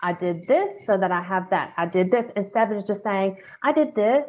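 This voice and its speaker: A woman's voice: medium pitch, moderate pace. A woman speaks earnestly about forgiveness and letting go, candid and unguarded, dropping the odd swear. Her voice comes through thin and phone-like, as if over a call. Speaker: podcast guest, forgiveness teacher. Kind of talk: casual podcast chat. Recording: tinny phone-like audio.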